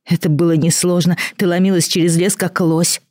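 A woman doing a calm, matter-of-fact girl. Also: lowish voice, a little fast, dry recording, clean studio sound, pitched above the performer's own voice, close to an everyday voice. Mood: soothing. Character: calm, practical girl with a bow.

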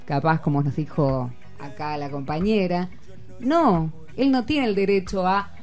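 Her voice sits at medium pitch with a darkish tone, and she speaks with an Argentine Rioplatense Spanish accent. As host of a school radio show, she keeps the chat casual, encouraging the children with questions.

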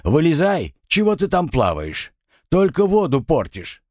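A man's voice: fairly high pitch, huge pitch swings, unhurried, darkish tone, no room sound, studio quality, pitched above the performer's own voice, full character voice. A man voicing a blunt, sardonic adult hero who snaps impatiently. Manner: blunt, snappish.

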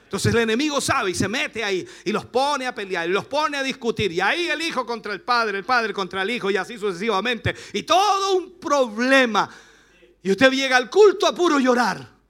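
Male Chilean pastor, sermon delivery, high and bright, rousing with joking asides. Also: sing-song, moderate pace. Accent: Chilean Spanish. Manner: rousing, rhetorical questions, playful asides. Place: church service.

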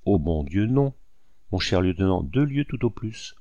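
A man's voice: low-pitched, big pitch swings, a little slow, mellow, no echo, dull audio. A man voicing an older colonial planter who is a courteous, earnest host in a read-aloud story.

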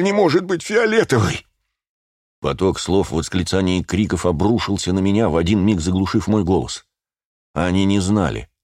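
A man narrates a first-person audiobook in a measured, steady voice. His pitch is deep and low, and the recording is dry and close, with no room reverb.

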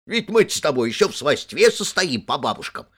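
A man reading aloud voices a rowdy, boastful drunk male villager who shouts. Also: fairly high pitch, big pitch swings, fairly quick.

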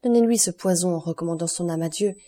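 A woman reading the part of a stern, relentless male doctor, solemn and accusing in a measured way. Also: lowish voice, warm tone, lightly acted.

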